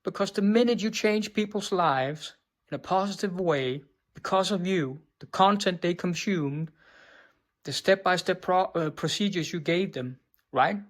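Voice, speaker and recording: Talking to the camera with a Danish accent, a man from Denmark coaches on business in a profane, no-nonsense monologue at a measured pace. His slightly high voice often adds "right?", and when he trips over and restarts words he simply keeps going, unfazed.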